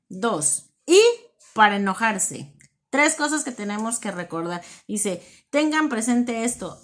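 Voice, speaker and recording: A woman preaches to couples in an earnest, conversational way. She talks freely rather than reading a script, pauses on fillers, and repeats key words for emphasis. Her voice sits at an ordinary middle pitch for a woman. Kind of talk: devotional talk.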